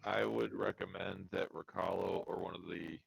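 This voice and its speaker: A man playing a tabletop game over a voice call, his voice coming through grainy, deep and raspy from a glitch that makes him sound like a demon. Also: fairly even intonation, moderate pace, low-quality recording. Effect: grainy glitching voice chat making him sound like a deep raspy demon. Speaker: player. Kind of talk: casual chat over voice call.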